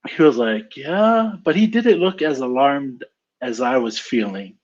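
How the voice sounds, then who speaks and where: A man of middle pitch tells a story in a relaxed, casual way. He plays out his own reactions in animated quoted lines. The sound is a bit dull and lo-fi. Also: normal speed.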